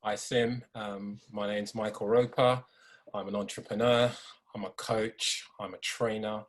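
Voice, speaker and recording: A man guest on a podcast speaks calmly and without fuss. His voice is husky and fairly low, and it stays on an even level. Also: measured pace. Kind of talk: podcast conversation.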